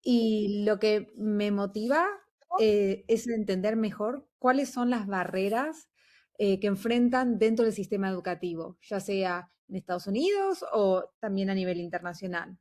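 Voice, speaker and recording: A woman's voice: medium pitch, unhurried, darkish tone. A woman from Argentina, a doctoral researcher speaking as a panel guest, explaining her work earnestly with some fillers. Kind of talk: panel talk.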